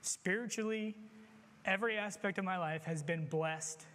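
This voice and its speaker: A man with a high voice gives an earnest sermon testimony, speaking plainly about his own failings. His voice carries a long reverb, as if picked up in a large church hall. He speaks in a confessional tone and presses his listeners to act. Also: moderate pace, a bit bright. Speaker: church member giving testimony.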